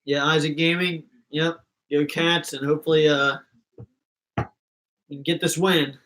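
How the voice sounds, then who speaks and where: Young man, casual fan stream host, rambling chatter, fairly high voice. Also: flat delivery, a little slow, pushed and bright, poor audio. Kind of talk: casual live reaction commentary.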